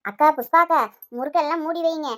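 A woman voicing several chatty village women in a cartoon, loud and bossy. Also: high-pitched, steady tone, fairly quick. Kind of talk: cartoon voice acting.

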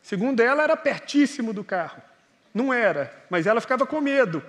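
A high-pitched male pastor, preaching in a loose, conversational way. He mocks himself and acts out both sides of his stories. His voice rings through a large church hall with a long reverb tail. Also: very animated, a little fast, a bit bright. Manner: conversational, self-mocking, acts out dialogue. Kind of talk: sermon with personal storytelling.

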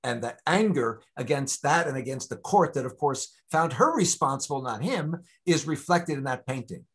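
A guest lecturer in his sixties answers questions on a video call from his home study through a webcam. His mid-range, slightly rough voice moves at a moderate pace, animated and discursive, running in long stretches with frequent restarts.

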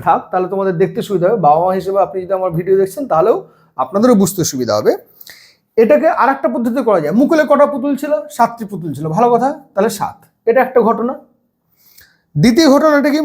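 A man's voice: extremely high pitch, darkish tone. Man, patient maths tutor, casual lesson, step-by-step explaining. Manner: clears throat now and then. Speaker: maths teacher for first graders.

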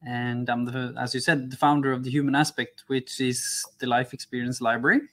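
A man's voice: medium pitch, little pitch movement, fairly quick. A man in his thirties from Norway, a guest on a video call, speaking earnestly and steadily. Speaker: guest, founder.

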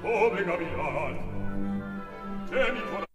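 A man's voice: sits high, lively intonation, takes it slowly, music in the background. A male opera singer playing a beaten, complaining male servant, singing with a lamenting tone over an orchestra. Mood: self-pitying. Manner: lamenting, sung recitative. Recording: distant, roomy opera recording with orchestra.

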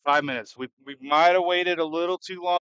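Bright-voiced man, edgy live storm-chaser commentary. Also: fairly high pitch, fairly quick, smooth, no room sound, muffled recording. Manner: excitable, edgy, thinking aloud with repeated questions. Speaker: storm chaser and livestream host. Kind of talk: casual live commentary while driving. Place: inside a moving car in a storm.

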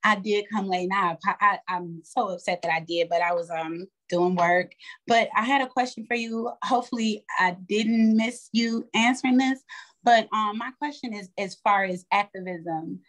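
A woman's voice: medium pitch, normal speed, a bit bright. A woman student asking a polite, earnest question on a video call, with some hesitant fillers.

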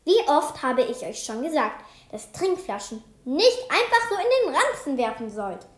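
A woman's voice: high-pitched, big pitch swings, normal speed. A woman voicing a strict female schoolteacher who scolds her class, read from a storybook in a raised, stern voice. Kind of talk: storybook reading. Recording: roomy echo.

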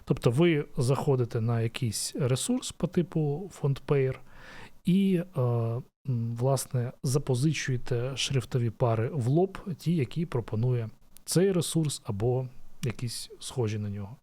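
A man's voice: medium pitch, a little slow, warm tone. A man explaining a design topic in a casual lesson, thinking aloud with frequent fillers and restarts. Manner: thoughtful, many "e" fillers and restarts. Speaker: design educator.

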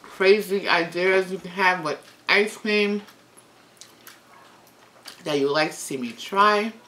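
Woman talking thru a mouthful of food, kinda low voice, slow halting chat. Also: a bit bright, slight background noise. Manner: slow, halting talk between bites. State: mouth full. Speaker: eating show host. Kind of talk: casual eating vlog chat.

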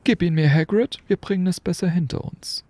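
A man voicing an elderly, calm and wry headmaster wizard, with a measured, gently dry delivery. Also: sits high, no echo, voice pushed up.

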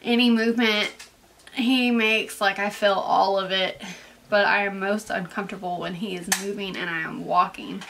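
A woman's voice: medium pitch, fairly even intonation, moderate pace, vocal fry, fairly bright tone, slight background noise. A young woman, out of breath and congested from sinus allergies, rambling chattily through a casual pregnancy update vlog. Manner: chatty and rambling, full of "like" fillers. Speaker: vlogger.

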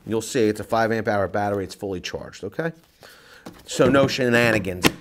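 A man in his forties giving a casual, lively tool review while testing gear in an indoor workshop, talking into a lapel mic. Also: fairly low pitch, normal speed, background noise. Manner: lively, chatty, excited while testing tools.

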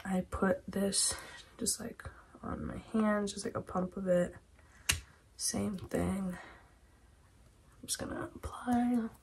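A young woman chatting casually through a get-ready-with-me vlog at home, laughing often and slipping into soft whispers. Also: mid-range voice, slow, creaky, long pauses. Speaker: beauty vlogger.

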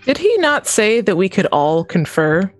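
A woman's voice: medium pitch, big pitch swings, a little slow. A woman chatting casually as a player in a tabletop role-playing game. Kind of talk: casual chat. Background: music.

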